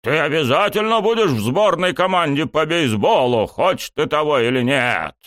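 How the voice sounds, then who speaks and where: A man voicing a loud, pushy, eccentric old male baseball coach in an audiobook, bellowing and overbearing. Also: fairly low pitch, animated, normal speed, no room sound, clean studio sound. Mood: insistent. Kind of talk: audiobook character voice.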